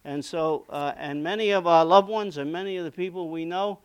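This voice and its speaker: A man's voice: a little high, brisk, clean tone. A man preaching a sermon in an earnest, conversational way, often checking in with "okay?", and saying he is losing his voice.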